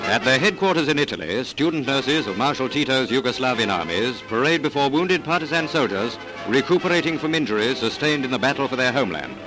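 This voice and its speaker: A man's voice: mid-range voice, expressive, quick pace, few pauses, low-quality recording. Man narrating an old newsreel. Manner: stirring, upbeat announcer delivery. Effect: old newsreel soundtrack. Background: music.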